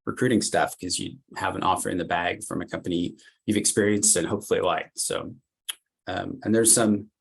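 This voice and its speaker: A middle-aged man with a low-set voice and a gravelly, fry-edged tone leads a career workshop. He talks casually and loosely, dropping "like" fillers and doubling words as he goes. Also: fairly bright tone. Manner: chatty, many "like" fillers, repeats words. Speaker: workshop presenter, consultant.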